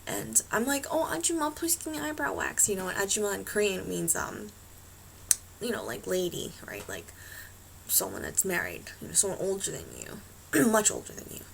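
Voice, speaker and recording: A woman's voice: medium pitch, very animated, normal speed, vocal fry, slight background noise, poor audio. A woman chatting casually to her laptop webcam at home, rambling, swearing freely and filling her talk with "like" and "um". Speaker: beauty vlogger. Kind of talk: casual chat to camera.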